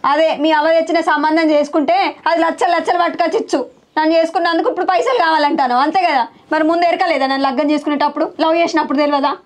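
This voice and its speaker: A defiant young village wife with a Telangana Telugu accent, as a woman plays her in a comedy sketch. Her voice sits high and her retorts come quickly. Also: fairly even intonation, lightly acted. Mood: arguing. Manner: argumentative, retorting.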